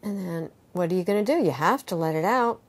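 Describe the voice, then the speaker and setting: Middle-aged yoga teacher lady, earnest and lively, talks you through breathing. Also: lowish voice, fairly quick. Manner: earnest and animated, acting out panicked voices. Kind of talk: interview answer with guided breathing demonstration.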